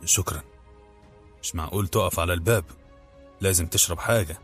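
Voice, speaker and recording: A man voicing a guarded older foreign woman who softens into tenderness, speaking. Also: sits low, a little fast, soft background music, close to an everyday voice. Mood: tender. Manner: cool, clipped, then softening.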